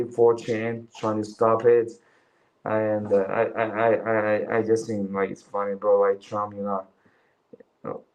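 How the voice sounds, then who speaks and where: On a low-quality recording, a mid-range male voice chats casually on a livestream. The speaker is a Chinese man in his twenties from China, a first-language Chinese speaker, who swears, says bro to listeners, and mocks others with impressions in a raised voice.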